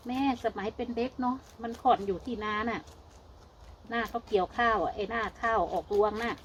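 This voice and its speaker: An older Thai woman with a northeastern Isan accent talks in a slightly high voice. She chats to her viewers in a homespun, folksy way. Steady background noise runs under her voice. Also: a little fast. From Thailand. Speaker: vlogger. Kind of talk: casual chat to viewers.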